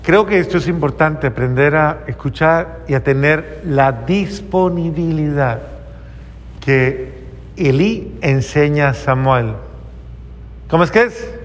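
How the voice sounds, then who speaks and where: Man, priest preaching, unhurried delivery, raised voice, long church reverb. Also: on the high side. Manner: questions the congregation, acts out quoted replies in soft voices. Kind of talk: homily.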